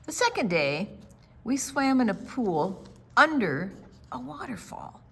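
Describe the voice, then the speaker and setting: An older woman gives a storytime reading of a picture book to children, dramatic and deliberate in her phrasing, with quieter asides mixed in. Her fairly high voice is sing-song, creaky, and husky.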